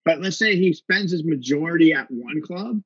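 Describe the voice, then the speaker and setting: A man's voice: fairly high pitch, animated, moderate pace, breathy edge, no room sound, dull audio. A man in his late thirties, a jiu-jitsu instructor, talking casually on a podcast and rambling with many fillers and restarts. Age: 30s.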